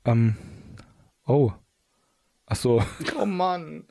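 A man's voice: on the high side, expressive, extremely slow, creaky, mellow, dry recording, clean studio sound. A man co-hosting a casual chat, reading facts aloud in a playful, giggly way and stumbling over words. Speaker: podcast co-host.

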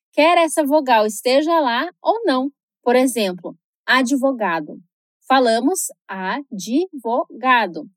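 A woman with a Brazilian Portuguese accent teaching English pronunciation in a chatty scripted video lesson, slowing down to model each word carefully. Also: sits high, a little mellow, no echo, clean studio sound. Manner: chatty, tag questions, slow careful model words.

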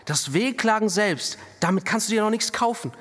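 A middle-aged male pastor preaching a sermon, animated, moving between hushed and emphatic delivery. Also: high voice, normal speed. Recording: long reverb of a church hall.

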